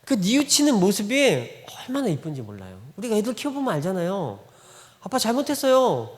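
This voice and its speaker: A man with a high, very animated voice preaches a Sunday sermon, swooping up and down as he tells stories casually and plays out the dialogue. His voice rings through a church hall with a long reverb tail. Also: fast talker. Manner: conversational storytelling, acting out quoted dialogue, frequent laughter. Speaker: pastor. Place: church sanctuary.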